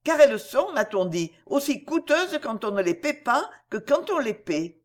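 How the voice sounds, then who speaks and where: A woman's voice: a little high, big pitch swings, moderate pace, pitched above the performer's own voice. A woman reading a storybook and voicing a haughty, jealous countess with a cutting, disdainful manner.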